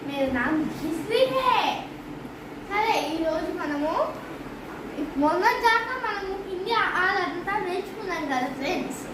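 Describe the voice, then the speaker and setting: A woman teaching patiently and slowly, repeating each point and quizzing the viewer with questions. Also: very high-pitched, animated. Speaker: Hindi teacher. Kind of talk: slow step-by-step teaching. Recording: roomy, distant from mic, faint noise.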